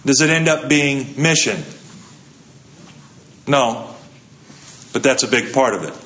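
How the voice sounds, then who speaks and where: In a mid-range, animated voice that's a bit bright, a pastor takes his sermon slowly. He preaches in a conversational style, posing rhetorical questions to the congregation and answering them.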